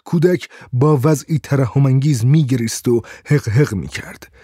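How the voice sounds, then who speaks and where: A man reading a story aloud as an audiobook narrator in a steady, measured way. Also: medium pitch, slightly rough, no echo, clean studio sound. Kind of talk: scripted narration.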